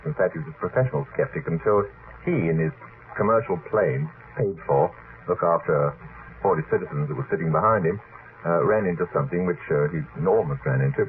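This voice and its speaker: A low-voiced man with lively intonation moderates an unscripted late-night radio discussion at a brisk pace, wordy and hesitant, often cutting in to steer the others. It's a noisy, phone-like vintage archive recording from a radio studio.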